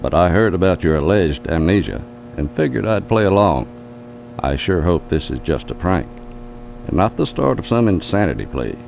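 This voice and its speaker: Game role: skeptical, admonishing sheriff, deep folksy drawl with animated swings, slight background hum. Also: male voice, moderate pace, vocal fry. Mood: wry, folksy. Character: folksy small-town sheriff, paternal and skeptical. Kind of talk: video game character acting.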